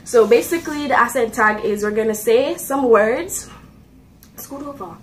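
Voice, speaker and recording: A woman's voice: fairly high pitch, expressive, normal speed, slight background noise. A young Jamaican woman hosting her vlog in a loose, chatty way with plenty of fillers. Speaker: vlogger host. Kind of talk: casual chat. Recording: voice a bit distant from the mic.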